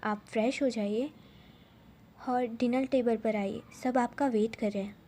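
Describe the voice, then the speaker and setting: A woman's voice: on the high side, steady tone, a little slow, warm tone, a little hiss or hum, natural voice. A woman doing Arushi, a teasing young wife. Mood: puzzled.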